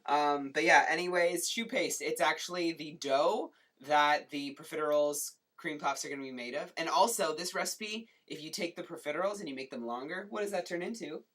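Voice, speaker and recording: A cooking show host giving a jokey home cooking demo in a kitchen, talking with playful asides and deadpan jokes. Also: medium pitch, a little fast, hardly any pauses.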